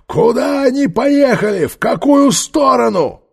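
A man's voice: medium pitch, measured pace, darkish tone. A male narrator voicing a cruel, domineering pharaoh warlord who barks orders and threats. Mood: barking orders. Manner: barking, commanding.

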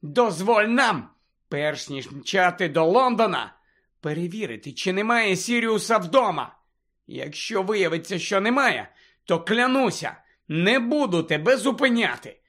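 A man's voice: high-pitched, expressive, measured pace, a bit bright. A man reading the part of an anxious, insistent teenage girl who hisses and pleads in a storybook. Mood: pleading. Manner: hissing, pleading.

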